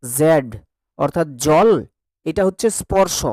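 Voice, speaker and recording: In a fairly high, darkish voice and at a slightly slow pace, a man teaches Bengali grammar to a class, asking questions to check understanding and drilling pronunciation through repeated sounds. The studio-quality recording has no room sound.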